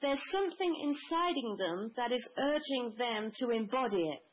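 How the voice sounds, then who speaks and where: Woman going on about divine feminine stuff in long flowing lists, kinda high voice, muffled lo-fi audio. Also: animated, moderate pace. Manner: flowing, mystical phrasing with lists. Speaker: guest. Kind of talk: spiritual conversation.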